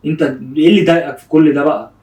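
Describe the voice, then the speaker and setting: Fast-talking Egyptian young man, pleading. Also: a little high, fairly even intonation, a little mellow. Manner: pleading, apologetic, repeats himself anxiously. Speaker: prankster vlogger. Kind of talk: casual prank vlog. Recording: roomy sound from a distance.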